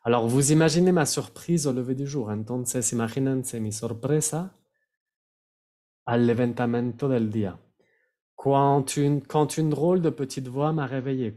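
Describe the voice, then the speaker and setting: A man teaching French pronunciation, repeating words slowly and sometimes searching for the right word. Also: medium pitch, dark tone. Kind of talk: pronunciation lesson.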